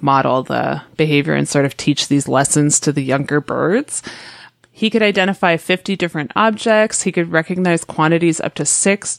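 A woman's voice: low voice, no room sound, clean studio sound. A woman telling animal stories in casual podcast chat, full of fillers. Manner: chatty storytelling with many fillers. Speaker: podcast guest.

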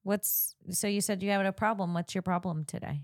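A woman's voice: medium pitch, steady tone, a little fast. Woman in her 30s from florida hosting a comedy pod, brash and sarcastic, cracks jokes nonstop. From Florida, United States. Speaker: comedian podcast host. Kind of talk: comedic casual chat.

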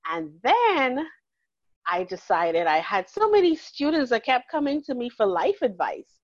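A Bahamian woman in her forties, a counselor talking warmly and chattily in an interview, laughing easily. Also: high voice, sing-song, unhurried, dry recording, highs cut off. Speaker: counselor and guest. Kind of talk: casual interview conversation.

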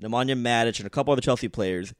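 A man's voice: medium pitch, very fast, dry recording, clean studio sound. Laid-back man telling soccer stories. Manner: storytelling, laughing. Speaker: podcast co-host. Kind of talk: casual chat.

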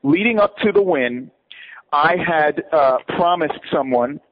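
A man being interviewed, telling a long story in a lively way and acting out other people's heated lines. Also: on the high side, unhurried. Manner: quotes others in raised, heated voices. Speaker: poker player and guest. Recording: muffled lo-fi radio audio.

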